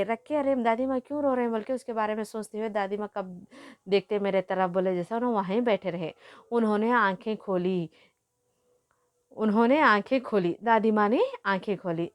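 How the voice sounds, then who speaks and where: Woman teacher, higher register, patient, glosses words for kids. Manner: repeats and glosses hard words, calls pupils "beta". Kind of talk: explaining a Hindi lesson story to pupils.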